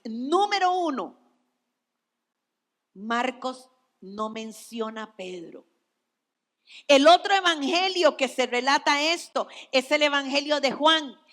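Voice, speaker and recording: A woman pastor delivers a sermon in a high, bright voice, taking her time over each phrase. Her speech swells with emphasis and then sinks to a hush. A long church-hall reverb trails every word. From Costa Rica. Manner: slow, emphatic preaching with dramatic drops to near whispers.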